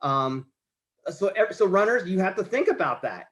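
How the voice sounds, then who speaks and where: An American man in his late forties talks about marathons as a podcast guest in casual conversation. His voice sits high and is fairly bright, very animated at a normal speed, and he rambles with many restarts and stammers.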